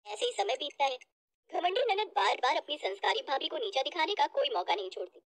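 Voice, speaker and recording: A woman narrating a moral storybook tale in an expressive, storytelling manner. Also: sits high, fairly quick.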